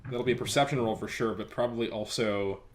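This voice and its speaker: A game master runs a tabletop role-playing game, his mid-range voice moving at a quick pace. He talks casually and sounds relaxed but hesitant, filling his speech with lots of ums and uhs.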